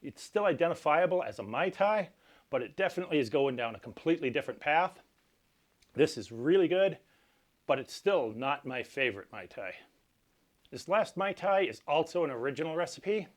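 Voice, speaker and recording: A man hosting a cocktail tutorial, explaining each step in a measured, instructional way. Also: fairly high pitch, expressive. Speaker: cocktail channel host. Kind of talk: cocktail recipe tutorial presentation.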